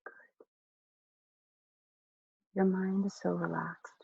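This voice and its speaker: A hypnotist guiding a listener through slow, soothing relaxation, giving soft instructions with long pauses. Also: mid-range voice, level tone, creaky, breathy edge, no echo, muffled recording. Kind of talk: guided relaxation hypnosis script.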